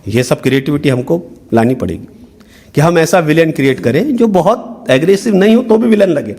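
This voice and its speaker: A middle-aged man delivers a workshop lecture in a slightly raised voice. His pitch rises and falls widely from phrase to phrase. He explains patiently, mixes in English terms and often asks the audience "hai na?". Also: lively intonation, warm tone. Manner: explanatory, mixing in English terms, frequent "hai na" tag questions.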